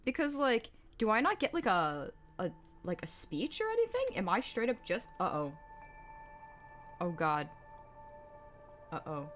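A woman's voice: mid-range voice, wildly swooping pitch, a little slow, long pauses, fairly bright tone. A woman streaming a video game, chatting casually, giggling and joking to herself as she plays. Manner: chatty, giggly, self-mocking asides. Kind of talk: casual gameplay commentary. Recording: game music behind the voice. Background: game soundtrack music.

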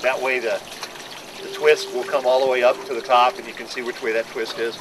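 Briefing a charter party on the deck of his docked boat, a middle-aged fishing captain keeps it plain and practical. He talks a little fast in a flat, medium-pitched voice, captured by a camera mic several feet away with noticeable outdoor noise.

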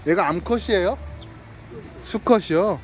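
High-pitched guy sweet-talking dogs outside, laughs a lot, faint music behind. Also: measured pace. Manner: coaxing, playful, laughs often, talks to dogs like friends. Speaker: delivery driver vlogger. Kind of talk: casual talk to dogs and owner.

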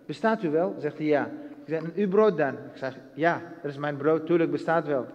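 Man with a high voice. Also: a little fast, muffled recording. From Iraq. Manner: earnest storytelling in broken Dutch, acting out dialogue. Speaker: guest giving testimony. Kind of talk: personal testimony interview. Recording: long hall reverb.

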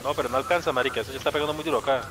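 A man's voice: medium pitch, very fast, fairly bright tone, a little hiss or hum, rough recording. A man joking and coaching his teammates in a gaming voice chat. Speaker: gamer in voice chat. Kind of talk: casual gaming banter.

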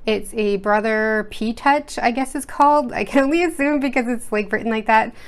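Her voice sits a little high, and she talks at a moderate pace over slight background noise. She's an American woman hosting an art video indoors at her home desk, rambling casually with many fillers and restarts, unseen behind an overhead camera rig.

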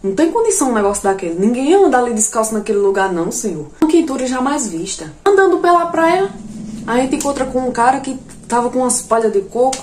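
A woman doing a comic storytelling monologue, animated and jumping to shrill outbursts when she quotes herself. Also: quick pace, noisy background. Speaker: comedian. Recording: echoey room.

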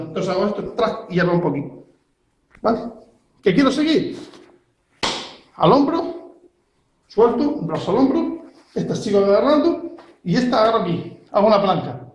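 A man's voice: high-pitched, a little mellow, slight background noise. A man, a self-defense instructor demonstrating techniques step by step and checking in constantly with his learner. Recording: very echoey room.

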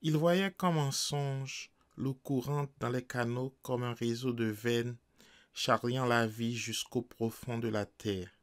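A man reads literary prose aloud for an audiobook. His pace is unhurried and deliberate, at an ordinary middle pitch. The reading stays measured and careful throughout. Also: fairly even intonation. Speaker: audiobook reader.

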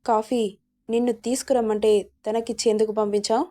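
A woman's voice: fairly high pitch, level tone, brisk, warm tone, close to an everyday voice. A woman reading the part of a hot-tempered young husband in a spoken story, with curt, menacing lines. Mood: stern.

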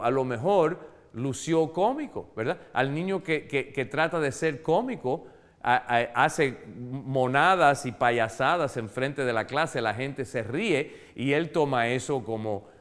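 Man, motivational speaker, earnest, repeats himself, lots of fillers, mid pitch, long reverb. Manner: earnest, repetitive, many fillers and restarts. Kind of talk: motivational talk.

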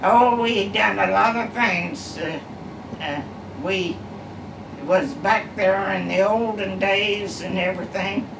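In her nineties, this woman reminisces from her living room armchair, telling family stories slowly with many pauses and uhs. Her mid-range voice carries vocal fry. The recording comes from a camera across the echoey room, with a background hum.

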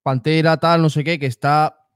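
Spanish guy hosting a chat, hesitant, restarts a lot, bit high voice, dry close audio. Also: fairly even intonation, moderate pace, clear, resonant tone, dry recording. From Spain. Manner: hesitant, restarts sentences, agreeing. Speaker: podcast host, interviewer. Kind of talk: casual interview chat.

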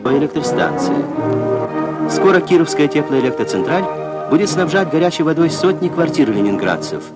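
A man reads an old newsreel voice-over in a formal, declaiming announcer style. His pitch swings widely and expressively as he presents each item. Clear music plays under his voice throughout. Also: very animated, moderate pace. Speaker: newsreel narrator.

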